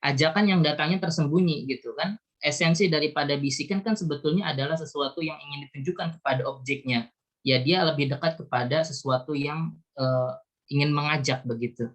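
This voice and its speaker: Measured man explaining scripture. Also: a little high, a bit bright. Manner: measured, explanatory, tags phrases with "you see". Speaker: religious teacher. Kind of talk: online Quran study talk. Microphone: video call.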